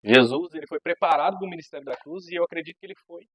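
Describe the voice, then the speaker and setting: A man hosting a podcast interview, conversational and quick to chime in with short affirmations. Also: fairly high pitch, lo-fi sound, a crowd in the background. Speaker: podcast host. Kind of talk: casual interview chat.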